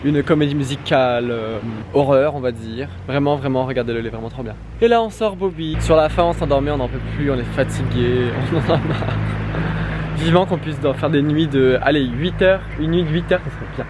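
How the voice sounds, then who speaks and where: A man's voice: fairly high pitch, fairly quick, noisy background. A man in his twenties with a French accent, chatting casually through a home vlog, rambling with lots of fillers. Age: 20s. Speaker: vlogger.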